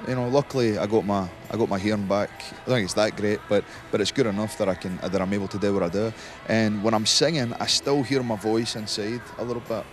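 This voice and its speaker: Low-voiced man chatting outdoors. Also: quick pace, hardly any pauses, soft background music. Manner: relaxed, rambling with many fillers. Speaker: interviewed singer. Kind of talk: casual interview. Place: outdoors at a festival.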